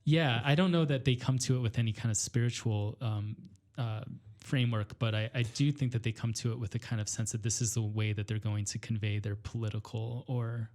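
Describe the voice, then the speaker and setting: A man from northwestern Illinois talks as a guest on a podcast, thinking aloud. He is hesitant and searching, with frequent fillers, restarts and small self-corrections. His voice sits at an ordinary middle pitch for a man. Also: steady tone, brisk, few pauses, darkish tone. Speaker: guest poet and teacher. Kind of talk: reflective conversation.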